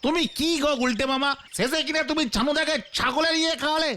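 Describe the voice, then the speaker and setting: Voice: high voice, fairly even intonation, fast, bright, forceful tone, slight background noise. An actor voicing a doubtful young sidekick with a sceptical, reproachful manner in a comic cartoon. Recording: music playing behind the voice.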